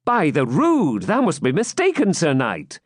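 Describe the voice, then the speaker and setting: A mocking, sprightly court jester with a high, bouncing voice that leaps around in pitch, as a male narrator puts him on. He sounds like a storybook fool, recorded dry and close. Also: wildly swooping pitch, measured pace, dry recording, full character voice. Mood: jesting.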